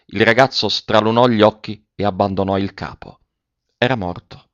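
A man narrates a classic story in a measured, even manner. His voice sits on the low side. The recording is dry and close, with no room around it. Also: no echo, lo-fi sound. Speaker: audiobook narrator.

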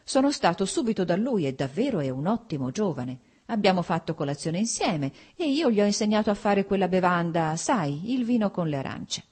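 Woman putting on a chatty pleading nobleman, a bit husky, voice bounces around. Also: mid-range voice. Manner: warm, coaxing, talkative. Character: cheerful, pleading middle-aged nobleman.

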